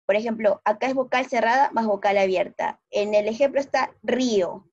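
A woman's voice: fairly high pitch, normal speed, a little mellow. A woman teacher with a Peruvian Spanish accent explaining a grammar lesson patiently to primary pupils, checking often that they understand. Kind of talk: online class explanation. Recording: dull lo-fi sound.

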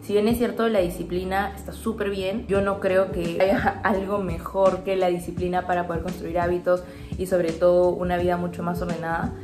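Chatting to viewers in a casual vlog, this young Peruvian woman in her 20s speaks with a Peruvian Spanish accent, upbeat and confiding. Her voice is on the low side, with a level tone at normal speed, and the room is echoey while music plays in the background.

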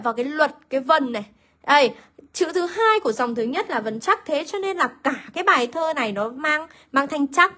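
A woman's fairly bright voice sits high as she teaches a poem online. In this literature lesson she asks her students questions, supplies the answers herself and repeats the key points.

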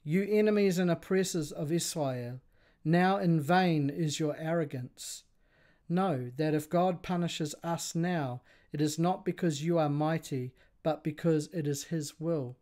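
A man's voice: on the high side, unhurried, darkish tone, lightly acted. A man reading the lines of a grieving, defiant mother of seven sons in a story told aloud. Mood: prayerful. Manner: pleading then defiant, read aloud.

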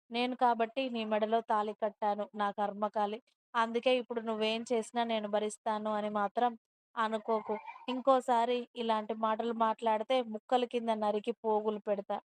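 A woman's voice: on the high side, a little mellow, clear, resonant tone, dry recording, lightly acted. A woman reading a storybook and voicing a domineering young husband who scolds and threatens in a bossy way. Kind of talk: storybook narration with dialogue.

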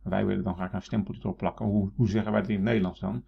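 A man's voice: fairly low pitch, little pitch movement, rapid-fire, gravelly, husky, dull audio. A man teaching Latin, thinking aloud with many fillers and restarts and reading verse aloud in a raised voice. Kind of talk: explaining a Latin text.

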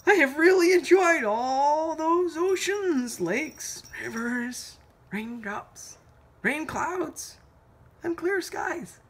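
A woman voicing a worn-down, stubby little crayon in a children's storybook, friendly but weary, with drawn-out complaining. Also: high-pitched, lively intonation, pitched above the performer's own voice, full character voice. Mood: wistful.

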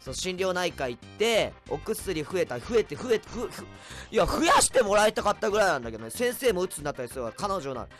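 A man chatting on a casual home livestream, a bit tipsy, reading comments with a rambling, erratic manner and sudden loud outbursts. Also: high voice, big pitch swings, quick pace, faint music behind. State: tipsy from drinks. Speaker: livestreamer, band vocalist. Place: at home, indoors. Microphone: cheap desk mic.

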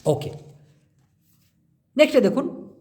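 A man from Bangladesh teaching language and answering viewer questions, spelling out and repeating words slowly. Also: warm tone.

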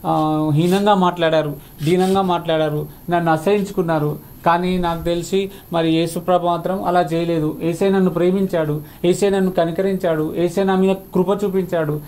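A man acting a healed blind beggar in a children's Bible skit, telling his story in excited, repeated bursts. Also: high voice, moderate pace. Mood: earnest. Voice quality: excited, repetitive, pleading cries. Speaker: skit actor.

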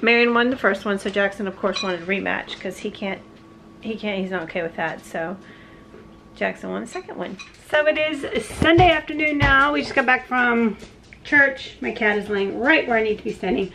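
A talkative woman in her forties recording a home vlog in her kitchen, her voice sitting a little high. She rambles from one aside to the next and laughs easily. A faint hum of household ambience runs underneath. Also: normal speed, sharp tone, low-quality recording. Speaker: vlogger. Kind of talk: casual home vlog chat. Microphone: camera on the counter, sometimes handheld.

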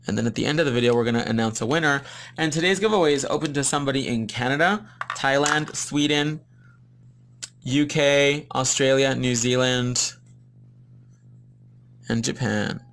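Upbeat man with a gravelly voice. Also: mid-range voice, unhurried, long pauses, a bit bright. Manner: upbeat, chatty, explaining steps to viewers. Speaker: nail technician hosting a live tutorial. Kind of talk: live-stream demonstration, mixing English and Spanish.

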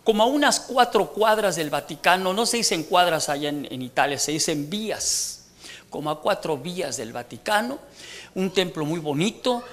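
A preacher in his sixties with a Mexican Spanish accent gives a humorous testimony during a church sermon, teasing the congregation as he jokes his way through the story. His voice is high, bright and animated, at a normal speed.

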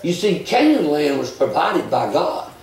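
A man preaching an animated sermon as a visiting preacher, shouting and chuckling as he goes. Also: fairly high pitch, measured pace. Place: church. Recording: echoey church recorded from far off.

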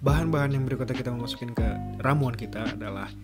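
Chatty young man in a kitchen. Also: medium pitch. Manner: relaxed, chatty, drawn-out words. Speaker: cooking vlogger. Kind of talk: casual cooking tutorial. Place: home kitchen, indoors. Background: loud music.

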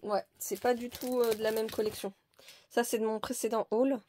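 A woman's voice: on the high side, little pitch movement, moderate pace, warm tone, slight background noise. A woman presenting a crafting haul in a casual, hesitant, chatty way with many fillers. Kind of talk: casual show-and-tell haul.

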